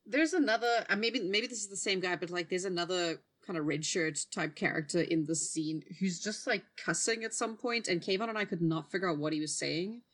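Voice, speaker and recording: A woman's voice: on the low side, a little fast, few pauses, a bit bright. A woman co-hosting a casual podcast, chatty and a little hesitant. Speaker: podcast co-host.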